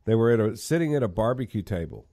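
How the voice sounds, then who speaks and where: A man's voice: on the low side, expressive, fast, mellow. Older man, talk show host, rambling, sarcastic, casual live-stream chat. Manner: rambling, restarts often, wry and sarcastic.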